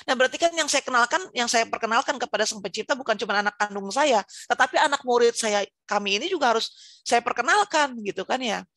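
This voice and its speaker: A woman with a somewhat high voice gives an Islamic parenting talk to an audience of parents. She speaks in a chatty way and often ends her sentences with small tag questions. Her voice is close and dry, with no room sound. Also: lively intonation, fast, sharp tone, dry recording. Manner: chatty, asks rhetorical questions; tags sentences with "gitu ya".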